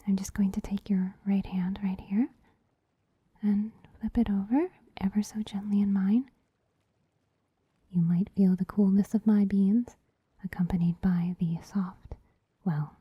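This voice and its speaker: A breathy, almost voiceless whisper from a woman as a soft-pawed bunny spa attendant, unhurried and teasing. The sound is dry and close, with a slightly dull, muffled top end, as in an intimate ASMR recording. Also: mid-range voice, dry recording. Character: gentle soothing female bunny spa attendant. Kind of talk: ASMR roleplay. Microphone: close mic.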